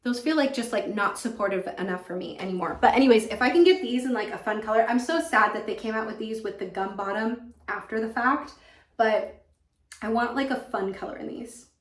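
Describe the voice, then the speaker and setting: A woman's voice: a little high, brisk. American woman vlogging in an echoing bathroom. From California. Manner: gushing, repeats words for emphasis. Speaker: fashion vlogger. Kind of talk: casual chatty favorites vlog. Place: indoors in a home bathroom. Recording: echoing bathroom, no external microphone.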